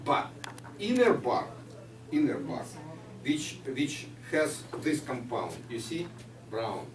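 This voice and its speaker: A man's voice: mid-range voice, sing-song, takes it slowly, crowd noise. Ukrainian-accented man lecturing in a roomy hall. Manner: non-native phrasing, patient explaining. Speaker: guest lecturer. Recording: echoey room, far mic, noisy.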